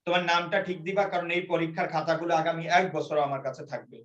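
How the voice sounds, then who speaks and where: A man teaching a grammar class, repeating key phrases slowly and quizzing his students. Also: on the high side, fairly bright tone. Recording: echoey room, distant dull mic.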